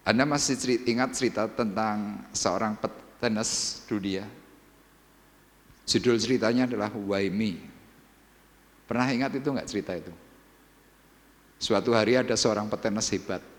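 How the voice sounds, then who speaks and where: Javanese accent pastor preaching, goes quiet then shouts, teases the crowd, big echoey church hall. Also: male voice, medium pitch. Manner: animated preaching, swinging from soft asides to loud outbursts; questions and teases the congregation. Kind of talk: sermon.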